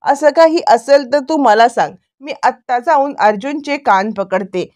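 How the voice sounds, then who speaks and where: A woman doing a protective older lady of a TV-serial household, high-pitched and insistent. She coaxes and presses with one question after another, ready to scold on someone's behalf. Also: unhurried, a little mellow. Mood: coaxing.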